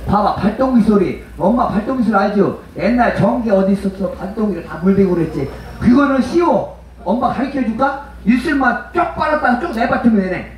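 Bawdy, brash banter comes from a man playing a pumba street entertainer at an outdoor festival, teasing listeners and calling them mother and father. His high voice has lively intonation and a fairly quick pace. Slight background noise and heavy echo are present, with the voice sounding far away.

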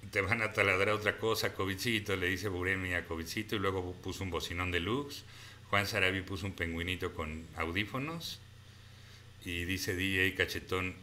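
A man's voice: deep voice, sharp tone, a little hiss or hum. A man hosting a live stream, casually reading out viewer comments and thanking people by name. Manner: chatty, reads viewer comments aloud and thanks them by name.

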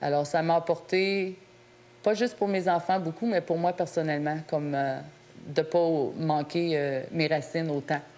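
A woman's voice: sits low, steady tone, moderate pace, darkish tone. A woman from Northern Ontario, speaking in a forthright, determined way in a documentary interview. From Hearst, Northern Ontario. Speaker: interviewee, community member.

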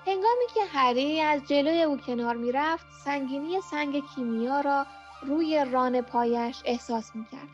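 High-voiced woman, student audiobook narrator; muffled lo-fi home recording, soft music under.

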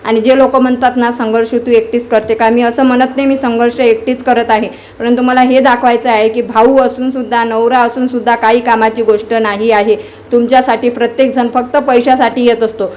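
A woman's voice: fairly high pitch, level tone, brisk, darkish tone. A woman in her thirties, a vlogger at her small tea shop, talking to camera in an earnest, aggrieved, chatty way. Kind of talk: casual vlog, talking to camera.

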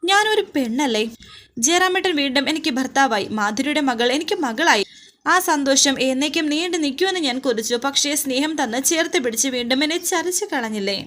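Brief: grieving widow, read by a woman, anguished pleading questions, bright tone. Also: sits high, lively intonation, a little fast. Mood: grieving, reproachful.

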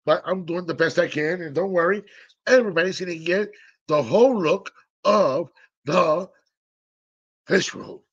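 A man's voice: high-pitched, measured pace, long pauses, fairly bright tone, slightly rough, dull audio. A man hosting his aquarium vlog from the fish room in his living room, talking in a hyped, playful way and repeating his phrases. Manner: hyped, playful, repeats phrases, does mock announcer bits. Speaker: aquarium channel host. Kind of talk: casual hobby vlog.

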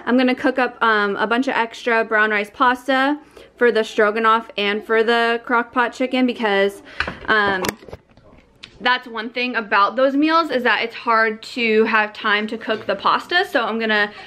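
In a casual, upbeat vlog peppered with fillers, a young woman speaks to a camera she holds at arm's length, filming in her car and home kitchen. Her pitch runs high, her pace is measured, and her tone is steady yet sharp.

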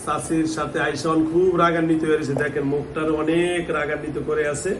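A man's voice: a little high, flat delivery, a little fast. A man, working as a healer and mufti, coaxing and pressing people with repeated questions while also speaking to the camera. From Bangladesh. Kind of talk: live session addressing camera and visitors. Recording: echoey room, distant mic, faint noise.

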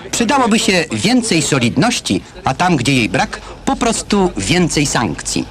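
A man narrating a 1970s newsreel voice-over, crisp and declamatory commentary read over footage. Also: a little high, wildly swooping pitch, a little slow, crowd noise. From Poland. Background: loud film score music.

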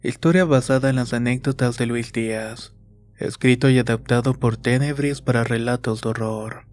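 A man reading a first-person horror story in a slow, measured, scripted narration. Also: medium pitch, steady tone, a little mellow. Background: faint music.

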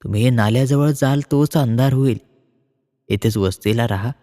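A man's voice: mid-range voice, normal speed, dark tone, natural voice. A man voicing a caring old village woman who warns a traveller to stay the night, in a storybook reading. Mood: earnest warning. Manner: earnest warning. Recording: long reverb.

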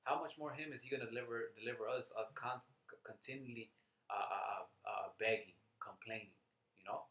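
A man's voice: mid-range voice, fairly quick, sharp tone, roomy sound, rough recording. A man giving informal scripture teaching in casual, slangy talk full of fillers and restarts. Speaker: lay preacher.

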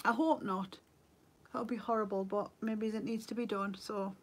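A beauty vlogger in her thirties from North East England, with a Geordie accent, chats casually on a makeup livestream from her bedroom, using a webcam at her desk. A bit tired, she reads viewer comments aloud and laughs easily, her medium-pitched voice fairly even and at normal speed.

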